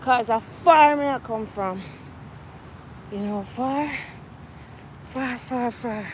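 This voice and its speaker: Winded Jamaican woman outdoors, slow and noisy. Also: on the high side. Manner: winded from walking, sighing. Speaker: livestream host. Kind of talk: casual live chat with viewers. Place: outdoors on a campus. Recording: noisy outdoor ambience with traffic.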